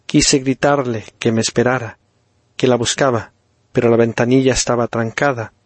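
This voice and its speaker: A man from reading a first-person story slowly and deliberately, with dry irony. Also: medium pitch, fairly even intonation, no echo. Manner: slow, deliberate, ironic storytelling. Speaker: narrator.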